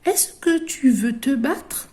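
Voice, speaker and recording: A cheeky little female ladybug from a storybook, as a woman teacher puts her on, asks her challenges in a high, raised voice. She sounds bold and taunting, keeping her tone mellow. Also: animated, slow pace. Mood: challenging.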